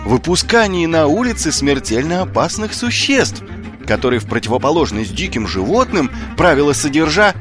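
A man voicing an eager, earnest young guardsman in an audiobook, exclaiming excitedly. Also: on the high side, normal speed, music in the background, voice pushed up.

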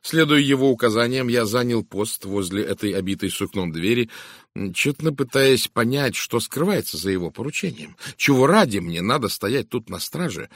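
A male narrator reading a detective novel with theatrical expression. His voice sits low but moves in lively swings, and the studio sound is close and completely dry. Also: no room sound. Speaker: audiobook narrator.

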